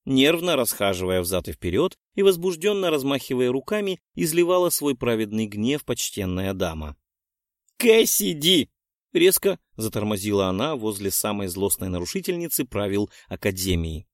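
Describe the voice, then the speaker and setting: Animated male audiobook narrator. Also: lowish voice, moderate pace, few pauses, no echo, clean studio sound. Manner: expressive, animated.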